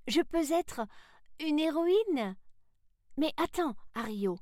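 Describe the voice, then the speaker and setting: A woman voicing a young girl in a storybook reading, with a high, excited child voice. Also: takes it slowly, no echo, studio quality. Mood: eager. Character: young girl, eager and earnest.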